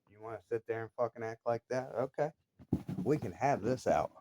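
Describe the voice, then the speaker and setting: A man's voice: mid-range voice, brisk, noisy background. A man in his thirties giving an angry, profane personal rant. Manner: profane, confrontational, heated. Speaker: vlogger.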